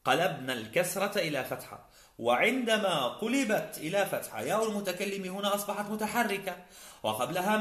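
A man teaching classical grammar, explaining each point step by step and drawing out the example words slowly. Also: a little high, fairly bright tone, roomy sound. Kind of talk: classical Arabic grammar lecture.

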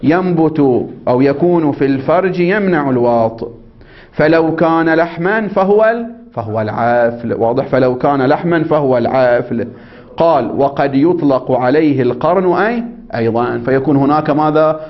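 A man's voice: on the high side, animated, moderate pace. A man teaching religious law in a seminary lecture, reading a text aloud and explaining it. He keeps quizzing his listeners with prompting questions and checking that they follow. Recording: dull lo-fi recording.

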